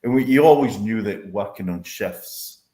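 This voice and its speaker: A man in his fifties with a deep voice and a Doric north-east Scottish accent. He reminisces in a loose, casual way, dropping in dialect words. The sound is roomy and echoing. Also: animated, normal speed, dark tone. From north-east Scotland. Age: 50s. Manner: rambling, peppers talk with dialect words. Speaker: interview guest, whisky industry veteran.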